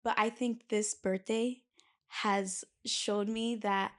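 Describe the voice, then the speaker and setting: A woman's voice: medium pitch, steady tone, slow pace. A woman in her twenties, talking in a casual podcast chat, emotional and rambling with lots of fillers. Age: 20s. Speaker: podcast guest.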